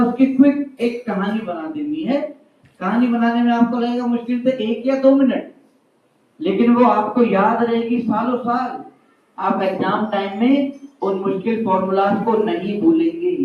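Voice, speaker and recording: High-pitched guy quizzing a room full of kids, far from the mic, big echo, muffled sound. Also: a little hiss or hum. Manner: lively, calls out questions to a class. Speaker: school speaker teaching children. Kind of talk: storytelling lesson to schoolchildren. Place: school hall. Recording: very echoey hall, distant, dull mic.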